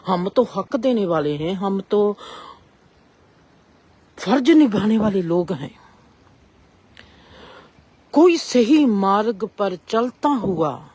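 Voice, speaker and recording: A woman gives a spiritual discourse at an unhurried pace. Her voice is slightly breathy and husky. She reflects aloud and builds her points through a run of rhetorical questions. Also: mid-range voice, a little mellow, dry recording. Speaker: spiritual speaker.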